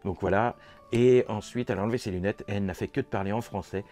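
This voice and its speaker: French male vlogger, low-pitched, excitable rambling recap, light music underneath. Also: quick pace. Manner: enthusiastic, rambling, many fillers and repeats. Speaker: vlogger recounting a convention. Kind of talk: casual vlog recap.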